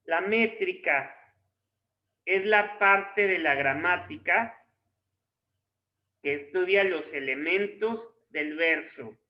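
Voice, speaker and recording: A man teaching a literature class, reading his notes slowly in short phrases as if dictating to students. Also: a little high. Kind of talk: slow dictated lecture. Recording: echoey room, dull lo-fi sound.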